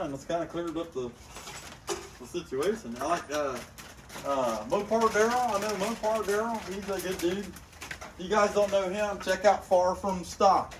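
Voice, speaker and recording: Chainsaw carver guy, kinda high voice, rambling jokey live chat outside, faint birds behind. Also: a bit bright, a little hiss or hum. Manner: rambling, joking, greets viewers by name. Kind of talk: casual live-stream chat while working.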